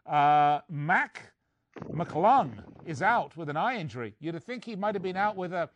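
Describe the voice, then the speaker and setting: A man's voice: on the high side, expressive, unhurried, lo-fi sound, a little hiss or hum. A man co-hosting a sports betting show, reading lines and records with jokey asides and puns.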